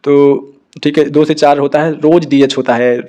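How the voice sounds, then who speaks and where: A young man, a doctor, giving casual advice to students and checking in with "okay" after almost every point. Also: on the high side. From India. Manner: talks fast in a flat tone, with constant "ठीक है" check-ins. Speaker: doctor giving study guidance.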